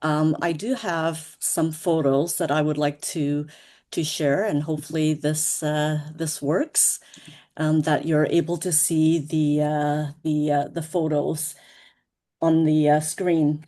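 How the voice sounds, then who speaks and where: At an online book launch held over video call, a woman from Laos who co-wrote the book presents in a measured, earnest way. Her low voice is warm in tone, though her delivery is flat.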